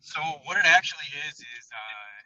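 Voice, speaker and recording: A man's voice: mid-range voice, expressive, normal speed, pushed and bright, no room sound, muffled recording. A man calling in from his car over a spotty mobile line, chatting casually and rambling with many fillers. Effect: calling in from a moving car over a spotty mobile connection. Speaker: podcast guest, contest entrant. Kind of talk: casual chat. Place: car while driving.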